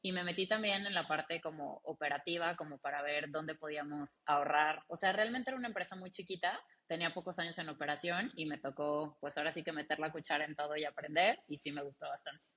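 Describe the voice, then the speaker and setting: This logistics company founder and CEO from León, Guanajuato, Mexico, has a deep voice and a Mexican accent, and she talks fast with hardly any pauses. Guesting on a casual interview, she's animated and chatty, recounting personal anecdotes and quoting what people said.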